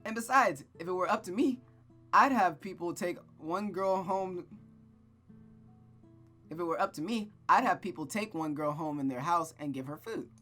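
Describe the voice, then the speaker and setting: Faint music plays behind a reader voicing a headstrong, chatty young girl from a visual novel. In a mid-range, pushed, bright voice at a moderate pace, the character sounds earnest, eager, emphatic, and pleading.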